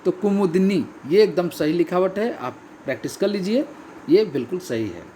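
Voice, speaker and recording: Male exam tutor, mellow fairly high voice, repeats key words, faint noise behind. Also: lively intonation, normal speed. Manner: repeats key words, addresses listeners as friends. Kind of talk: test answer walkthrough.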